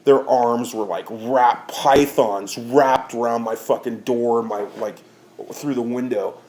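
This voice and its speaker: Profane, fuming rideshare driver ranting. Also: male voice, mid-range voice, fairly even intonation, slow, a little mellow. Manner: profane, heated and indignant, frequent sighs; rambling with many restarts. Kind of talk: casual storytelling rant.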